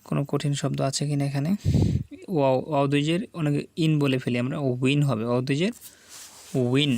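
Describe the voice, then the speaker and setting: A man with a Bangladeshi Bengali accent teaching Quran reading. He spells out syllables slowly and deliberately, and asks the viewers to repeat after him. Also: medium pitch, no echo. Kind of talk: slow spelled-out recitation lesson.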